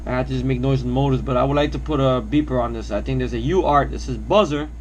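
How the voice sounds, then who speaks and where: Male hobbyist, mid-pitched, slightly under the weather; hesitant, casual product walkthrough with light noise behind. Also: quick pace. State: under the weather, coughing now and then. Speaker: hobby drone pilot presenting his build.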